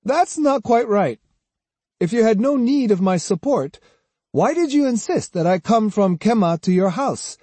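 In a dramatised story, a man voices an arrogant, grandly boastful young swordsman who is snide, pompous and sneering, hammering his points home in a blithe, needling mood. His voice is high, husky and warm, swinging widely and expressively at a slightly slow pace. The recording is dry.

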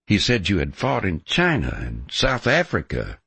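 Spirited young ranch woman for western audiobook, male reader: lifted husky voice, earnest, guarded, tender, protesting. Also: low voice, huge pitch swings, moderate pace, bright, forceful tone, no room sound, voice pushed up, heavily acted. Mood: concerned, curious. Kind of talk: audiobook character dialogue.

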